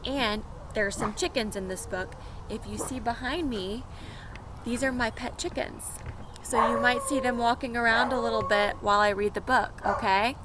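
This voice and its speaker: A woman with a fairly high voice reads a picture book aloud at normal speed, her intonation fairly even, though she reads expressively and adds asides for the young children listening. It was recorded outdoors near pet chickens, with noise and an urban backdrop.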